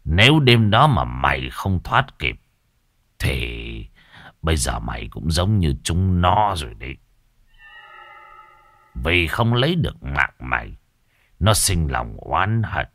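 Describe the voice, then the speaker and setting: A man voicing a greedy, smug old village exorcist who talks down in a low, slow growl. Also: sing-song, gravelly, a bit bright, no echo, clean studio sound, full character voice. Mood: menacing, smug.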